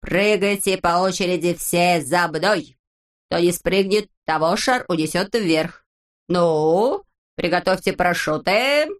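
A woman voicing a composed, clever boy who leads the others in a steady, commanding way. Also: on the low side, unhurried, natural voice. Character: calm clever boy leader, sensible and composed.

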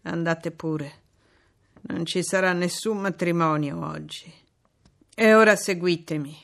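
A woman's voice: fairly low pitch, measured pace, vocal fry, a bit bright. A woman reading aloud and voicing a grim, bitter man, the master of the house. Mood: commanding.

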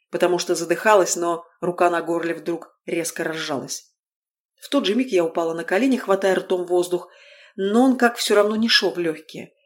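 A woman reads a first-person fantasy novel aloud as an audiobook narrator. Her telling is wry and lively, with quick asides to the listener. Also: lowish voice.

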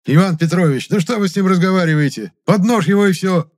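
A man voicing a fat, cowardly male cultist with a shrill, squealing voice. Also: drawn-out words. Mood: impatient.

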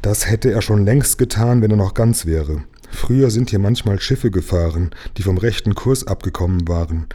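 A man voicing a sad, gentle young mermaid princess in a storybook read aloud, with a soft, tearful voice. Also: lowish voice, close to an everyday voice.

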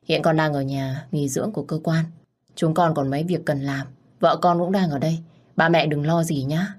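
A woman voicing a tender, playful young husband, speaking softly and affectionately. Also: sits low, fairly even intonation, moderate pace. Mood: reassuring.

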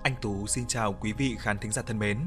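A man hosting and reading a ghost story aloud in a calm, steady narration. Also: fairly low pitch, moderate pace, over music. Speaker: storyteller and channel host.

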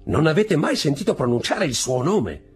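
Storybook innkeeper, voiced by a man: obsequious, urgent, raised and gravelly. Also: a little high, very animated, normal speed, faint music behind, pitched above the performer's own voice, exaggerated voice. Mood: insistent. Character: obsequious Roman innkeeper, middle-aged man.

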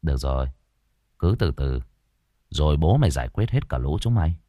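A man voicing a hot-tempered young male exorcist who talks gruffly and curses threats. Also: low voice, animated, moderate pace, no room sound, studio quality, pitched below the performer's own voice. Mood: menacing.

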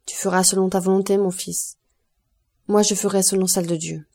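A grieving noble mother, resigned and dignified, speaking softly and with sorrow, as a woman reads her. Her voice is mellow and warm. It belongs to a spoken audiobook. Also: medium pitch, little pitch movement, fairly quick, lightly acted. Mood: sorrowful. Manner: soft, sorrowful, quiet. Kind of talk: audiobook character reading.

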